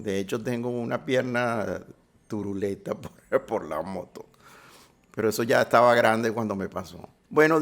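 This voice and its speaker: Gravelly older man reminiscing. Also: on the low side. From Venezuela. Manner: reminiscing, halting with restarts. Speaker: guest, sound designer. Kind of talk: interview storytelling.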